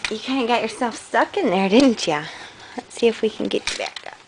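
A mother in a home video, coaxing her baby to say words in slow, sing-song baby talk. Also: a little high, vocal fry, noisy background.

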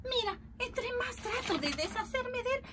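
A woman's voice: very high-pitched, unhurried, voice pushed up. Woman reading a fussy worried uncle guy, sighs a lot, voice all over the place. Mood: upset. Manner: fretting, sighing exclamations. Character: fretful middle-aged man, fond of his hat. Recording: steady background noise.

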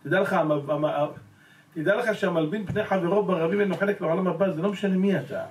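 Rabbi exhorting in an echoey hall. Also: male voice, high voice, a little hiss or hum. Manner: exhorting with rhetorical questions; addresses the audience as gentlemen. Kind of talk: Torah lesson sermon. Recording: roomy echo, voice from a distance.

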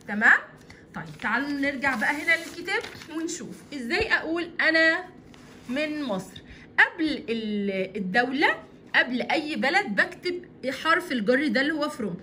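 A woman with an Egyptian Arabic accent teaching an English lesson to young pupils, spelling words out slowly and repeating them. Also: high voice, sharp tone, slight background noise. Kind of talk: online English lesson for children. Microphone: voice-over on an interactive whiteboard video.

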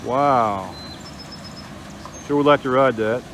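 Standing by a river with his phone camera in hand, a man in his fifties vlogs an enthusiastic, chatty tour, pointing out sights as he goes. He takes it slowly in a mid-range, fairly bright voice, and a little hiss or hum can be heard.

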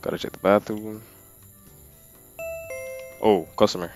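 A man's voice: lowish voice, fairly even intonation, a little slow, vocal fry, faint music behind. A young man giving slangy, reactive commentary while playing a horror game, calling everyone bro. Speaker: gamer. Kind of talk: live gameplay commentary.

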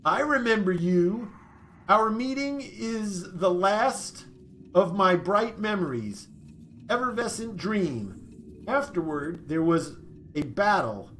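A man's voice: high voice, expressive, slow, a bit bright, a little hiss or hum, heavily acted. A man reading aloud the lines of a proud, teasing nymph from a fantasy game, barely changing his own voice. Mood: bitter. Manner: reads her lines aloud in a near-plain voice.

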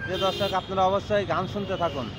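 A video host with a Bangladeshi accent and a high voice talks very fast in an informal, repetitive, coaxing way, addressing viewers and a young boy during a casual street vlog. He is outdoors beside a busy city road, and the noisy recording picks up traffic, vehicles and city ambience.

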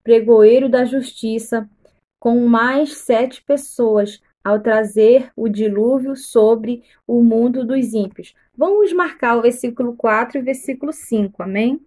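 A woman missionary reading the Bible aloud slowly and deliberately during a live stream, pausing to tell listeners which verses to mark. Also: fairly high pitch, a little mellow.

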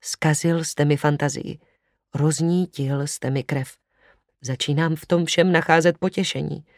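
A man's voice: on the high side, steady tone, no echo, clean studio sound, natural voice. A man voicing a proud, imperious young woman in an audiobook, speaking sharply and commandingly. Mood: teasing. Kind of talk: audiobook reading.

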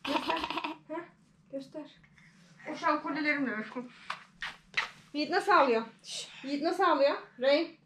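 High-voiced woman cooing at her dog. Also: moderate pace, pauses often, fairly bright tone, a little hiss or hum. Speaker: vlogger. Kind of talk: casual home vlog. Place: at home. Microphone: camera mic.

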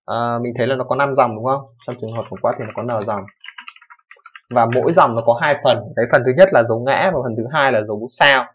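A young man rattles through a coding lesson at a fast clip. He keeps it casual, often checking in with his listener and fixing his own slips as he goes. The recording sounds dull and lo-fi. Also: mid-range voice, slightly rough. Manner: fast, informal explaining with frequent "đúng không" checks and self-corrections. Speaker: programming teacher. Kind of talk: screen-recorded coding tutorial. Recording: dull lo-fi microphone.

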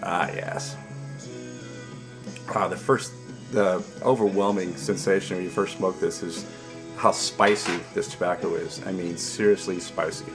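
A man with a low voice and plenty of fry talks casually to the camera at home. He savors what he says, leaving unhurried pauses as he puffs on a pipe. Faint music sits behind him. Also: fairly even intonation. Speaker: pipe-smoking vlogger. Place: small dim room at home, indoors.

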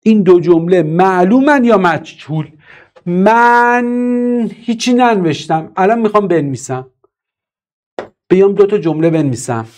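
A man teaching English grammar in a live online class, reading and answering the chat and driving his points home with emphatic repetition. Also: high-pitched. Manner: lively, emphatic, repeats key points.

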